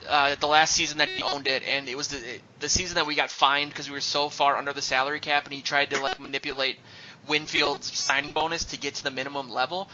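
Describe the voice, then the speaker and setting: A man in his thirties co-hosting a sports podcast, an animated storyteller who gets loud when excited. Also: on the high side, quick pace. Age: 30s. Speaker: podcast co-host. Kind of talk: casual chat. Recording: slightly dull podcast audio with faint noise.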